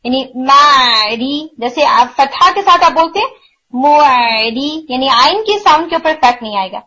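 A woman with a high voice teaches recitation pronunciation in a patient, explaining way. She drags out the example sounds slowly and repeats them, and mixes English words into her talk. The audio is a little muffled and lo-fi. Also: very animated, pushed and bright. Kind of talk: online tajweed lesson.

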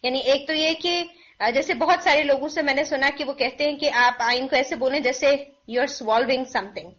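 Woman, high bright voice, sore throat, patient teacher, stretches out sounds, dull lo-fi recording. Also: fairly even intonation. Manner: patient, demonstrates sounds by drawing them out. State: sore throat, clearing it often. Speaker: Quran recitation teacher. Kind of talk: online pronunciation lesson.

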